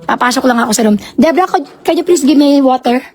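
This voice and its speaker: A woman with a notably high voice vents on a live stream, defending herself with indignation. She tells her story animatedly and keeps asking her listeners for agreement. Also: fast talker, slight background noise. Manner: animated storytelling, shifting pitch often. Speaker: concert promoter.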